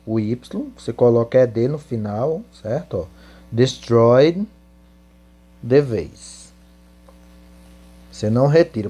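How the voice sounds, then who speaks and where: Slow, mellow teacher man. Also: mid-range voice. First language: Portuguese. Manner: spells out English answers word by word, then translates. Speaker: English teacher. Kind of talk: slow classroom explanation.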